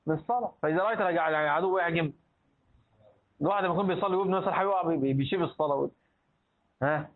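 A man teaching a class on Islamic jurisprudence in colloquial Egyptian Arabic, quizzing his listeners and repeating and restarting words as he goes. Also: high-pitched. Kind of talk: colloquial Egyptian lecture with questions to students. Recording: tinny phone-like lecture recording.

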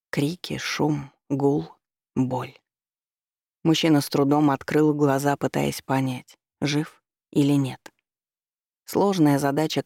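A man reading an audiobook in a steady, measured narration style. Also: fairly high pitch, creaky, dry recording, studio quality. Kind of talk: scripted narration.

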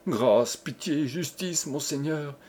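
A man's voice: medium pitch, unhurried, darkish tone, husky. A man voicing a young noblewoman who stammers and sobs her desperate pleas. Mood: desperate pleading.

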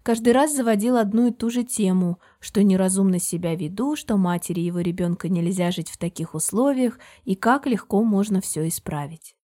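A woman narrating a novel in the first person, in a steady, measured storytelling manner. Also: medium pitch. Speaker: audiobook narrator.

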